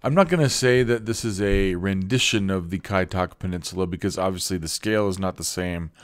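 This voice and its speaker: A man hosting a city-building game channel, explaining his build in a relaxed, casual commentary with frequent fillers. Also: low-pitched, a little fast, no echo. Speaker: video game channel host.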